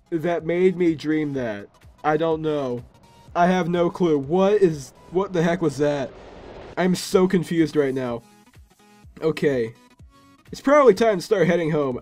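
A man's voice: on the high side, a little mellow. A man giving casual gameplay commentary as a video host, exclaiming and talking to himself with playful sarcasm.

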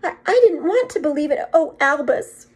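A woman's voice: high-pitched, animated, normal speed, voice pushed up. A woman voicing a stern, exasperated older witch professor in a storybook, speaking emphatically and indignantly. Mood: shocked, tearful.

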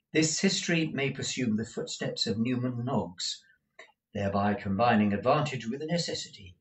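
A man reading a classic novel aloud in a measured, expressive narration. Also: lowish voice, recorded from a distance, rough recording. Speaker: audiobook reader. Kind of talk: unhurried literary narration.

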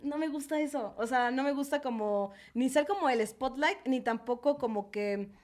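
A woman's voice: high voice, normal speed, a little mellow. A young Mexican woman co-hosting a casual chat, telling a bad-date story and acting out the quotes, with many fillers. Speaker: co-host.

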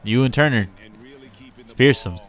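A man hosting a casual gameplay commentary, chatty and talking straight to his in-game players, with bursts of excitement. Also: mid-range voice, a little slow. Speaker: gamer and channel host.

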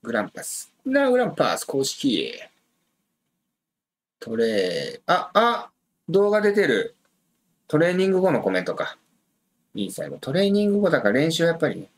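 A man's voice: fairly high pitch, huge pitch swings, moderate pace, pauses often. A man hosting a casual live stream, thinking aloud with many fillers and reading out viewer comments. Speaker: livestream host previewing a soccer match.

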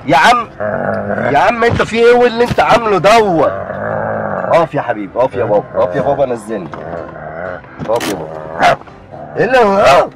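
A man's voice: a little high, sing-song, fast, pauses often, a loud crowd. A man with an Egyptian Arabic accent, riding as a taxi passenger, agitated and pleading to be let out. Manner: agitated, pleading, repeatedly asking what is wrong. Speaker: prank victim, taxi passenger. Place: inside a car.

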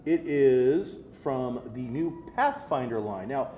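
Slow-paced yet animated, this geek show co-host, an American in his thirties, has a mellow, medium-pitched voice and enthusiastically unpacks details in a laid-back review chat. He sits at a table indoors; faint music plays behind him and the medium-sized room adds echo and light noise.

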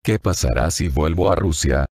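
A man voicing a bound captive woman spy in an audiobook, speaking in a tense, quietly defiant way. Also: very deep voice, moderate pace, dry recording, clean studio sound.

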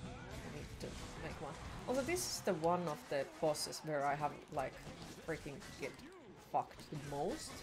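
A woman's voice: low voice, lively intonation, measured pace. A young Finnish woman with a Finnish accent, chatting casually and sarcastically while streaming a game, swearing often. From Finland. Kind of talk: casual gaming stream chat. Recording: game music playing behind.

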